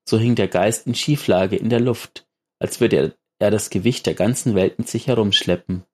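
A man narrating a story aloud in a measured audiobook reading. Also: on the low side, darkish tone.

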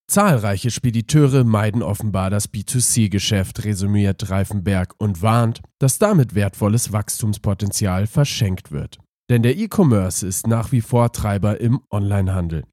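A man's voice: fairly low pitch, mellow, no echo, clean studio sound. A man with a stuffed-up nose from a cold, reading a scripted podcast report as its host. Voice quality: congested, nasal from a cold. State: has a cold.

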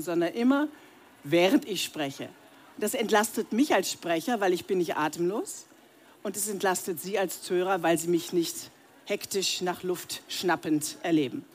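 A woman's voice: fairly low pitch, moderate pace. A woman voice coach speaking directly to a live audience, leading breathing and humming exercises and demonstrating the sounds herself. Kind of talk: live voice training workshop. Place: seminar room with audience.

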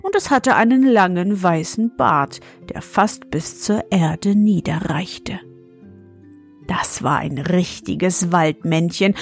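A woman reading a children's story aloud in a calm, measured narration. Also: fairly low pitch, creaky.

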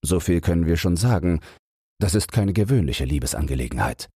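A man reading as Sherlock Holmes, deep and husky. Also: expressive, mellow, no echo, studio quality, exaggerated voice. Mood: reasoning. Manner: measured, reasoning aloud. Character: Sherlock Holmes, keen analytical male detective. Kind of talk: audiobook read for sleep.

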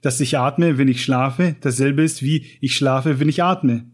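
A man's voice: medium pitch, a little slow, natural voice. A man reading the Dormouse's lines from a storybook as a drowsy little mouse talking in its sleep.

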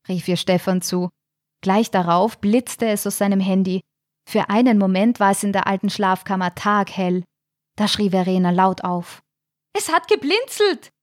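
A woman narrating a short suspense story in a measured, tense storytelling manner. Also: medium pitch, darkish tone, no echo, clean studio sound. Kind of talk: scripted audiobook narration.

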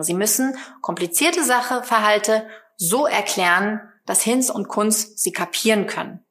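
A woman's voice: mid-range voice, fairly bright tone. A woman hosting a solo podcast, coaching listeners directly and encouragingly, now and then acting out short quoted voices. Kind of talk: solo podcast advice talk.

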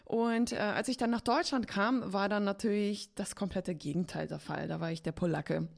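A woman with roots in Poland and eastern Germany, co-founder of an agency, joins a casual podcast chat as a guest. Her medium-pitched voice is steady, with vocal fry, at a normal speed. She's chatty and candid, laughs often, and uses lots of fillers.

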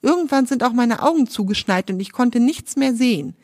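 A woman's voice: on the high side, expressive, brisk, darkish tone, no echo, clean studio sound, pitched above the performer's own voice. A woman voicing a chatty magic motorcycle. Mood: relieved. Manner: chatty, relieved, whiny about boredom. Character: cheerful male magic motorcycle, easily bored.

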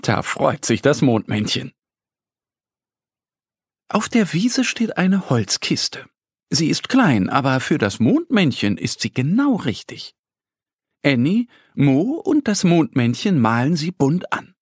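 A male narrator reads a children's story slowly, with a gentle manner. His pitch moves in wide, lively swings. A slightly husky tone comes through a dry, close studio mic. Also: dry recording.

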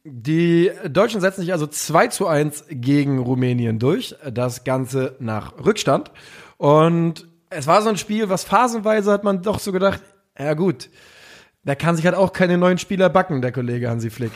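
Begeisterter Mann mit etwas hoher Stimme. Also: male voice, fairly high pitch, moderate pace. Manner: enthusiastic, slangy, self-deprecating. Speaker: podcast co-host. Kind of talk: casual football chat.

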